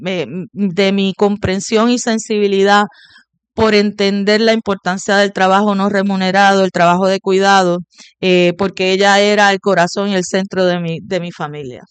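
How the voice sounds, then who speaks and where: Earnest woman, smooth voice. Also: medium pitch, fairly even intonation, normal speed, dry recording. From Puerto Rico. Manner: earnest, recounts memories with hesitations. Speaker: interview guest. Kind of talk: conversational interview.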